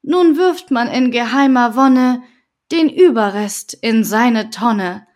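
A woman reading a rhyming storybook tale aloud for bedtime, with a calm, measured, rhythmic delivery. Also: on the high side. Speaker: audiobook reader.

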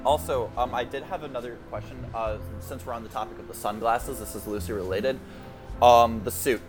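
A man's voice: medium pitch, fairly even intonation, a little fast, over music. A man in a casual movie review chat, hesitant and filling his sentences with "uh" and "um". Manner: hesitant, many fillers.

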